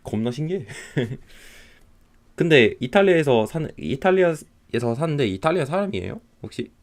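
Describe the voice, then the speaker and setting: A young native English speaker from Texas in the United States, with an American accent, chats casually while drawing on a stream. His voice is fairly high and moderately paced, and he's relaxed, rambling, and laughs often.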